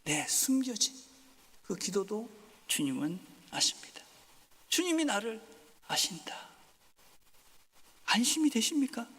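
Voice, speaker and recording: A male pastor preaching a Sunday sermon, swinging from loud emphasis to soft whispers. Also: high voice, very animated, takes it slowly, pauses often, breathy edge. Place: church sanctuary. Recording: long hall reverb.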